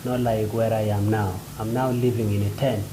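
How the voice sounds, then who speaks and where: Man from South Sudan, halting first-person interpreter, echoey and noisy. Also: on the low side, flat delivery. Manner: halting, many fillers and pauses, short phrases. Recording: roomy echo with ambient noise.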